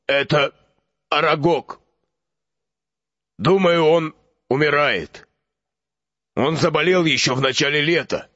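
A gruff, grumbling half-giant gamekeeper, as a male audiobook reader puts him on, touchy and big-hearted. The voice sits a touch high and bright and sharp. Dry, dull lo-fi audio. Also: no echo, heavily acted. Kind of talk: audiobook character voice.

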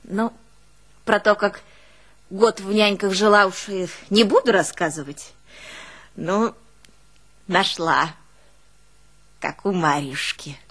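Slow and pausing often, a woman with a medium-pitched voice performs a one-woman theatrical folk monologue. She plays an artless, emotional peasant from the rural north of Russia, speaking its dialect and recollecting her life in a folksy, expressive way, exclaiming and thinking aloud.

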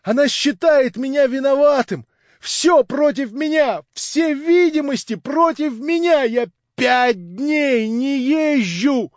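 A man doing an excitable young man, high and loud. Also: moderate pace, no echo. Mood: ecstatic pleading. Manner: breathless, exclamatory, high and loud. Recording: dull dry lo-fi recording.

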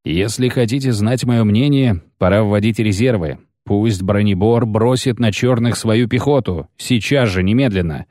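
A man voicing a calm, grave male king who speaks quietly but clearly. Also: lowish voice, moderate pace, hardly any pauses, dry recording, studio quality, lightly acted.

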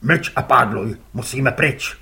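A man's voice: mid-range voice, gravelly, pushed and bright, pitched below the performer's own voice. A man voicing a blunt, short-tempered fisherman father who barks orders at his son, in an audiobook. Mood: gruff barking.

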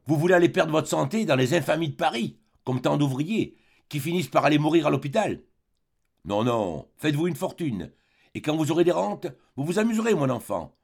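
Bossy, jealous old spinster read by a man, pitched up high, sharp and scolding, for a storybook reading. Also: very animated, moderate pace, breathy edge, exaggerated voice.

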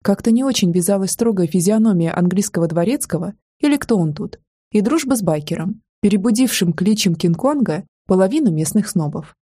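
A woman narrating a first-person audiobook in a lively, expressive way. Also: medium pitch, brisk, breathy edge, dry recording, studio quality.

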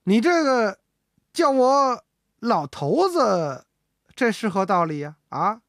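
A woman's voice: a little high, sing-song, no room sound, clean studio sound. A woman doing a teasing old emperor. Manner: mock-stern, playful, drawn-out commands. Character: shrewd teasing Qing emperor, older man.

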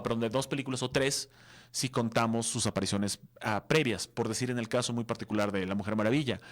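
A man hosting a live comics show, chatting casually in a neutral Mexican accent and reading out viewer comments. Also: mid-range voice. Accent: neutral Mexican Spanish. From southeastern Mexico. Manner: chatty, reads out viewer comments and answers them. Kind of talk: live-stream casual chat.

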